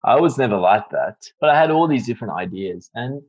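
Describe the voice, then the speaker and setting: A man's voice: medium pitch, fairly quick, no echo. A man from Sri Lanka, a doctor, talking casually and a little hesitantly as an interview guest over a video call. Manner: relaxed, hesitant with ums. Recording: muffled lo-fi video call audio.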